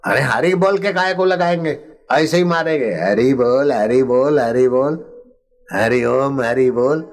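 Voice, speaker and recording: An older man acting out a gruff police constable who mocks and taunts a prisoner in a sermon story. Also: mid-range voice, a little slow, lightly acted. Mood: mocking. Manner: taunting, shouting while beating.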